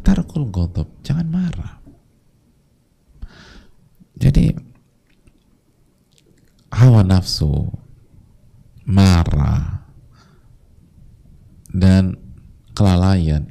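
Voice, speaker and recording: A man's voice: sits low, gravelly, warm tone. A male preacher giving a casual, chatty sermon to a congregation, sometimes briefly mimicking the voices of his listeners.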